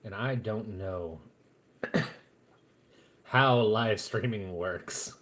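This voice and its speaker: A man's voice: fairly low pitch, extremely slow, fairly bright tone. A man chatting casually to viewers on a live stream at home, rambling along with plenty of fillers and restarts.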